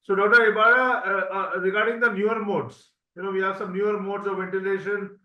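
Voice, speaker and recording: A man moderating an online medical Q&A over a bad video-call connection, halting with many fillers. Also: high-pitched, little pitch movement. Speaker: webinar moderator. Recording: roomy, distant, dull online call audio.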